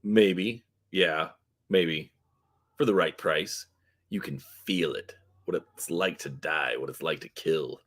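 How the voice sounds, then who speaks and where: A man voicing a twitchy, shifty male orc drug dealer with fast, wheedling street slang. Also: a bass voice, fairly bright tone, full character voice.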